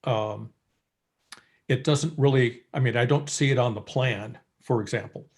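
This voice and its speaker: A man on a group video call, a commission member giving measured remarks at a public meeting, with frequent filler pauses. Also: medium pitch. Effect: heard over a group video call.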